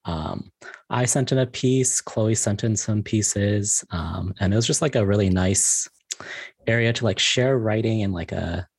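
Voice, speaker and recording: A young man speaking as a podcast guest in a soft-spoken, halting, self-deprecating way with many fillers. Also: on the low side, vocal fry, breathy edge, no room sound. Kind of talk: casual group discussion.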